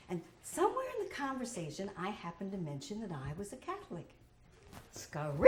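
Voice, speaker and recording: Lively woman telling her life story on stage. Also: mid-range voice. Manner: lively, wry, expressive storytelling. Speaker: solo stage performer. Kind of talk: one-woman show storytelling. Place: theater stage. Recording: roomy theater with faint hiss.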